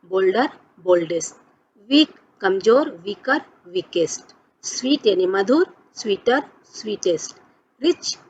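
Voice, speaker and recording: A woman teacher giving a grammar lesson, who explains patiently, asks and answers her own questions, and reads example sentences slowly. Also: mid-range voice, darkish tone. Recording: dull lo-fi recording with faint noise.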